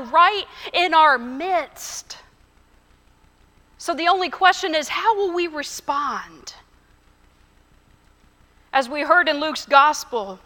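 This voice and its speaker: Woman pastor, sermon, bright high voice, unhurried and earnest, long church reverb. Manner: measured, earnest, storytelling. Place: church sanctuary.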